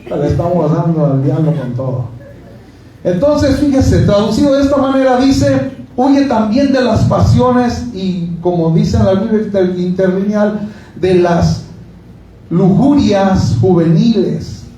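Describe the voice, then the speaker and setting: A man's voice: high voice, measured pace, dark tone. A man preaching a sermon in a church, chatting with the congregation, asking them questions and joking. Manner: conversational preaching, asks the congregation questions, jokes. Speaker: pastor. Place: church hall. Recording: echoey hall, from far off.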